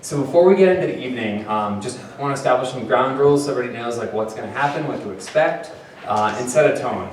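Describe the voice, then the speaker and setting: A man's voice: mid-range voice, lively intonation, quick pace, a little hiss or hum. Man, town hall moderator, chatty with fillers, echoey room, distant mic. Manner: conversational, many fillers. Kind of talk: public meeting address. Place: community meeting room.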